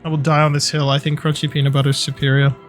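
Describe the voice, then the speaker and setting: A man's voice: on the high side, little pitch movement, racing, soft background music. A young man chatting casually and swearing freely while streaming a game. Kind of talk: casual live-stream chat while gaming.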